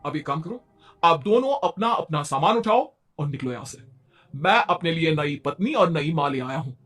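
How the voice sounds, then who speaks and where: A man's voice: fairly high pitch, animated, normal speed, a bit bright, slightly rough. A man voicing a harried, pleading young husband and son in a Hindi moral-story cartoon. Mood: fed up. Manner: pleading, complaining.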